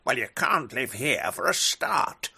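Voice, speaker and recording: A man voicing a proud, bossy male eagle who is king of the birds, loud and dismissive. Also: mid-range voice, sing-song, a little slow, vocal fry, breathy edge, heavily acted.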